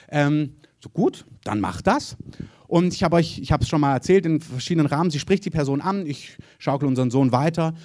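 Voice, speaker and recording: A man preaching a sermon as pastor, telling stories and acting out the quoted voices with energy. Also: on the high side. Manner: lively storytelling preacher, mimics quoted voices.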